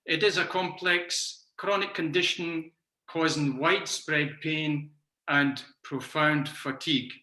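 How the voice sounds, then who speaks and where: Heard through a video call with roomy echo, a Scottish man in his sixties teaches macrobiotics in an online talk, frequently filling pauses with um and uh. His voice runs on the high side, bright and forceful, with fairly even intonation and a slow pace.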